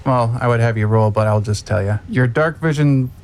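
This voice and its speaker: A man running a tabletop game as game master, casual and halting in his narration. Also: medium pitch, a little mellow.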